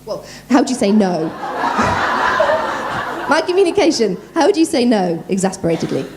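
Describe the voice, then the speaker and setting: A woman voice coach giving a lively workshop at a conference, talking quickly and quizzing the audience. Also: on the high side, heavy background noise. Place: conference room.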